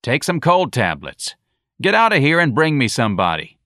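A man voicing an irritable, bullying police sergeant who shouts at a subordinate, in a read-aloud story. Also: fairly low pitch, expressive, moderate pace, no echo, clean studio sound. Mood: gruff. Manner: gruff, shouting.

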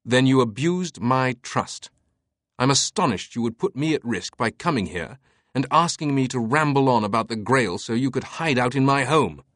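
A man's voice: mid-range voice, expressive, moderate pace, a bit bright, no room sound, studio quality, pitched above the performer's own voice, natural voice. A man voicing an aristocratic older male Grail scholar, clipped and indignant.

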